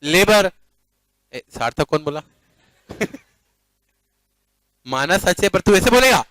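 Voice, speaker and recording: A man's voice: sits high, big pitch swings, takes it slowly, a bit bright, dry recording, low-quality recording. A male commerce teacher lecturing a class playfully, often checking that students follow and mixing English phrases into his talk.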